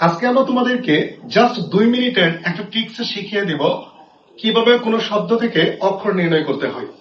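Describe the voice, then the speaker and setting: Male tutor with a very high voice, quizzing his class casually in a roomy, lo-fi recording. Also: expressive, fast talker. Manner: asks questions and answers them himself; casual, addresses students directly. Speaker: teacher. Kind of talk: grammar lesson. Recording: echoey room, dull lo-fi sound.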